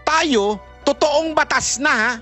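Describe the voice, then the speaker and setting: A man from the Philippines vlogs in a loose, chatty commentary, switching between Tagalog and English. His voice sits high and sounds bright and forward. He laughs often as he tells his story, and faint music plays behind him. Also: slow pace. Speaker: vlogger.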